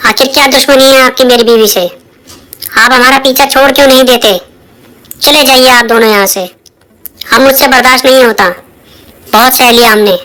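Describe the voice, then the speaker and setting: A woman's voice: mid-range voice, fairly even intonation, unhurried, voice pushed down, close to an everyday voice. A woman voicing a hot-headed young husband in a cartoon moral story, scolding and indignant. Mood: angry. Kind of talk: cartoon voice acting.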